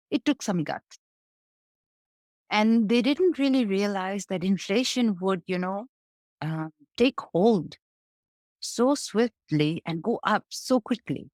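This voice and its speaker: A woman's voice: mid-range voice, dry recording, studio quality. A woman from Bangladesh, a guest analyst explaining the economy in a conversational interview, often checking in with "right?". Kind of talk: interview answers on markets.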